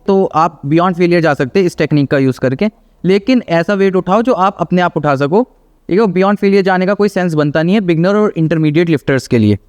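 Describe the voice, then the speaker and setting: A man's voice: sits high, fast talker, a little mellow, dull audio. A man giving casual, teasing commentary on gym videos, explaining technique and often checking in with "theek hai". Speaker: fitness video reactor and host.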